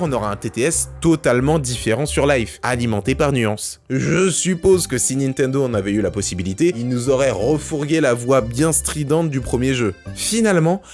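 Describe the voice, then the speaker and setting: A man's voice: medium pitch, darkish tone. A man hosting an online explainer video, talking casually and directly to viewers with slangy asides. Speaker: YouTube host.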